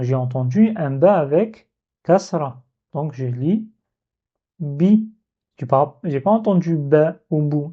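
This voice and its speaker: Patient lesson teacher, unhurried and methodical, repeats each step, warm low-toned voice, muffled recording. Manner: patient, repeats questions and sounds slowly. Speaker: Arabic reading teacher.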